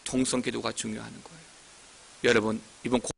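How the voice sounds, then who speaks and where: A middle-aged male pastor giving an animated sermon, breaking into shouts and acted cries. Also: mid-range voice, a little fast, gravelly, husky.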